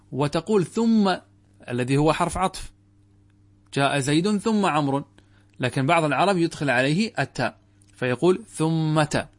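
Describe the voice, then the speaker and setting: Playing the role of a sheikh, a man with a voice on the high side teaches a classical Arabic grammar lesson. He poses questions and answers them himself, repeats key words, and slows down to intone quoted verses.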